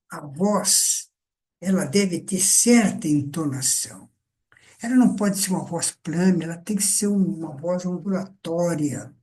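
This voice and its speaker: An older man delivers a slow, unhurried lecture on communication. His voice is dark and mellow, and he explains things patiently in a conversational way, often tagging sentences with little check-ins. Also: on the high side. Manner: slow, deliberate, conversational teaching with many "então" and "né". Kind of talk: lecture on speaking and presentation.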